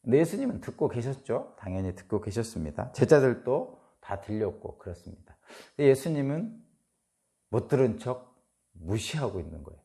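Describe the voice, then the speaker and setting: Male pastor, dawn sermon; lively delivery with a gravelly edge, chatty, acts out quotes. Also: medium pitch, normal speed. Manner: conversational, retells the scene by acting out quotes; many hesitant fillers and restarts.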